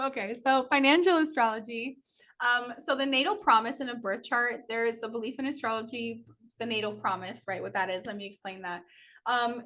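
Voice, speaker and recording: Gal teaching a class, kinda high voice, super chatty, lots of "like" and "um", laughs a bunch. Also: female voice, fairly bright tone. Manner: chatty, peppered with "like" and "um", laughs often. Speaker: astrology teacher. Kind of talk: casual recorded class.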